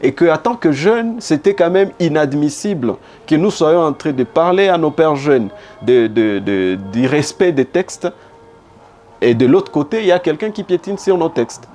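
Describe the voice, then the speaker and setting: Faint music plays behind a Congolese-accented politician from DR Congo, a former humanitarian worker, as he speaks in a broadcast interview. His voice is on the high side and a little mellow, with lively intonation at normal speed. He answers emphatically, repeating phrases rhetorically, amid background noise and room ambience.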